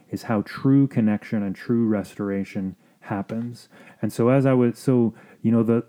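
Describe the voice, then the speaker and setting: With a mellow voice on the low side, a man who is a marriage counselor and podcast host talks things through informally. He comes across as earnest and reflective.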